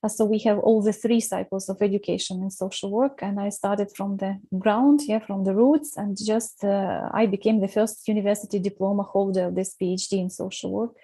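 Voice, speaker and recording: A woman's voice: medium pitch, fairly even intonation, normal speed, dark tone. A woman in her forties from Ukraine, speaking English on a video call as a panel speaker, earnest, with many hesitations. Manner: earnest, many "uh" fillers, careful non-native phrasing. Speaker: invited speaker, social work academic. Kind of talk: conference panel talk. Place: indoors before a branded backdrop.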